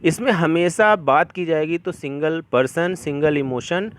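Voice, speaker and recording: Slightly high-voiced man teaching a lesson. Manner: reads English definitions slowly, then explains them in Hindi; patient, repetitive explaining. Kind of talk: classroom lesson.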